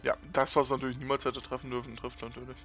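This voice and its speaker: A man's voice: mid-range voice, level tone, quick pace, a bit bright. Gamer guy muttering and swearing at the game, medium voice, faint music behind. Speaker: let's player. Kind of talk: casual gameplay commentary.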